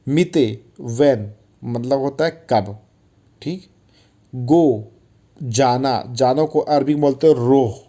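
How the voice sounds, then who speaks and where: This mellow, mid-range male voice leads an informal spoken Arabic lesson, chatting easily and addressing his audience as "brother." Every word gets repeated for practice.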